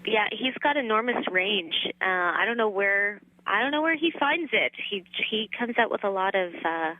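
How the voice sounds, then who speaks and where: Voice actress lady, bright tone, easygoing chatty interview, dry close sound. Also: medium pitch, normal speed, no echo, poor audio. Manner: relaxed and chatty, with easy laughs and fillers. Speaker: voice actress guest. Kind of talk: casual interview chat.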